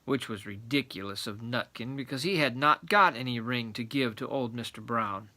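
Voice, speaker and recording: A man's voice: medium pitch, normal speed, bright, forceful tone. A man narrating a children's storybook aloud in a grandfatherly storytelling manner.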